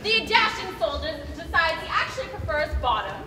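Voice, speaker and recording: A woman's voice: very high-pitched, sing-song, fairly quick, noisy background. A woman narrating and acting a stage comedy in a brash, theatrical way. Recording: echoey hall from far off.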